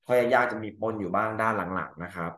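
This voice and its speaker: Male English teacher, lowish voice, talks through test answers, drawls the English lines then explains loosely; echoey room. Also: bright, forceful tone. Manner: reads English items slowly, then translates casually.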